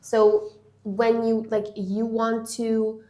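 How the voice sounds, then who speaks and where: A woman's voice: on the high side, flat delivery, slow pace, dark tone. A woman co-hosting a podcast in casual chat, tossing out what-if questions and laughing easily. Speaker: podcast co-host.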